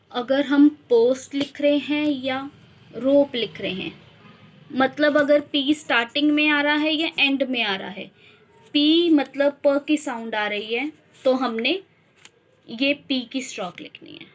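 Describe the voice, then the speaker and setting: A young woman teaching shorthand, slowly repeating each sound and example word to drill it. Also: sits high. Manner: slow, repeats sounds and words to drill them. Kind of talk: instructional explanation.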